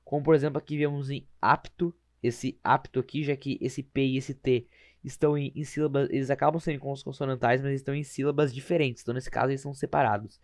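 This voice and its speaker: A man's voice: mid-range voice, steady tone, no echo. Man explaining grammar in a dry voice. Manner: informal, repeats words slowly, self-correcting. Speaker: teacher.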